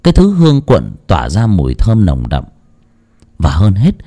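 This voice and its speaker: Brief: male horror narrator, low, mellow voice with very lively pitch. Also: normal speed. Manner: dramatic, expressive storytelling. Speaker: storyteller.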